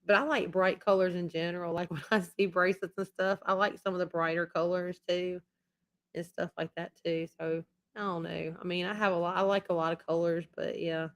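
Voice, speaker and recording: Talking a little fast in a fairly low, level-toned voice, a woman hosts a live stream on her channel. She is losing her voice after being sick, and her casual chat is rambling and repetitive.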